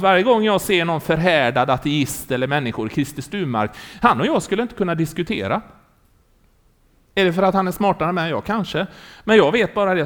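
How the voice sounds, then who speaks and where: A man delivers a sermon in an animated storytelling way. His voice swings widely up and down and sits a bit high for a man. He keeps turning to his listeners to ask if they are following. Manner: animated storytelling preacher, asks the congregation questions. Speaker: preacher.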